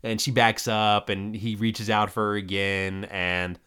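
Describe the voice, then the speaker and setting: A man with a fairly low, smooth voice and a sharp edge speaks at an unhurried pace with mostly even intonation. He's co-hosting a podcast and recapping a sitcom episode, retelling its scenes in a loose, rambling chat packed with fillers.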